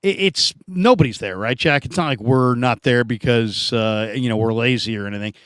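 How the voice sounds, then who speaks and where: A man hosting a casual sports talk show, animated and jumping up in pitch for emphasis. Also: normal speed, clean tone, no echo, clean studio sound.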